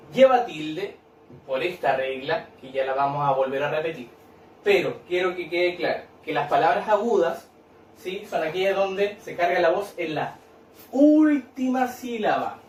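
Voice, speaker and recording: A high-voiced man teaches slowly and patiently, stretching out words. He sounds set back from the mic in an echoey room with faint noise behind him. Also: far from the mic. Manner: patient, repeats and claps out syllables, tag questions. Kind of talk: recorded lesson explaining a worksheet.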